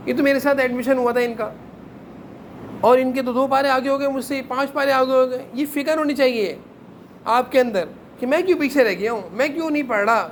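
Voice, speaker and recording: A man's voice: very high-pitched, slight background noise. A man teaching a class of children at a madrasa, sternly correcting them and making them answer together.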